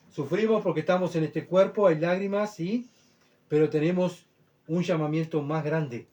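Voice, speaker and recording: A man preaching with earnest emphasis, his voice sitting a little higher than most men's. He swings between loud, pleading bursts and quiet asides, often checking that his listeners follow. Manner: earnest, emphatic, rhetorical questions. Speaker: pastor. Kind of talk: sermon.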